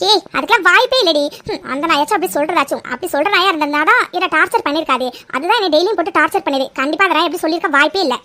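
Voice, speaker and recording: A woman's voice: very high voice, racing, hardly any pauses, pushed and bright. A woman voicing an exasperated cartoon girl.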